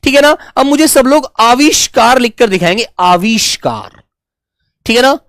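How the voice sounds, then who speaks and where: A man teaching Hindi spelling in a live online class, patiently repeating each word slowly and fondly addressing his students as children. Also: extremely high pitch, fairly bright tone, no room sound, studio quality.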